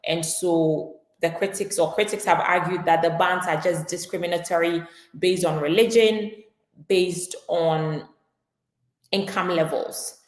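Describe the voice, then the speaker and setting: Low-voiced woman attorney in an echoey room. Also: steady tone, unhurried. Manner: explanatory, with frequent fillers and restarts. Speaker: immigration attorney. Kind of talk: live-streamed legal explainer.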